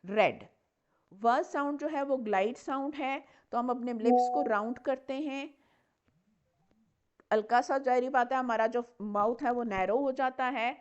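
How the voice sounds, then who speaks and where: A woman teacher, giving a patient step-by-step lecture on English consonants and repeating example words. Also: on the high side. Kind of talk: classroom lecture mixing Hindi and English. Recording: muffled lo-fi recording.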